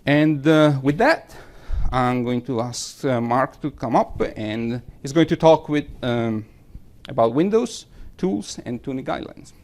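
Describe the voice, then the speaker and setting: A man presenting at a technical conference, recapping advice and answering a question in a measured way. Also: mid-range voice. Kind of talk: conference tech talk. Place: conference room.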